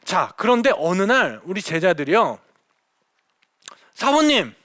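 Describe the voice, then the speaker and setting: A middle-aged man, a missionary, telling stories to an audience in a lively lecture, acting out the dialogue. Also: sits high, brisk, dry recording, clean studio sound. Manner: animated storyteller, acts out quoted dialogue.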